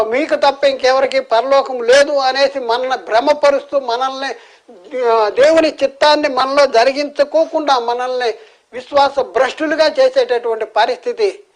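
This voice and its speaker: A man from India preaches in Telugu-accented speech with a high, light voice. He is earnest and keeps asking the listeners rhetorical questions, with restarts along the way. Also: low-quality recording. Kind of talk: sermon.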